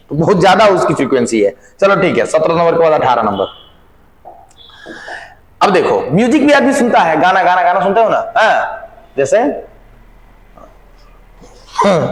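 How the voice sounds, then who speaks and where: A young man teaches physics in a high, lively voice, firing questions and answering them himself with playful asides. The sound has a noticeable echo, as if in a bare room. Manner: playful, asks and answers his own questions, acts out little skits. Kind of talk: lively classroom-style lesson.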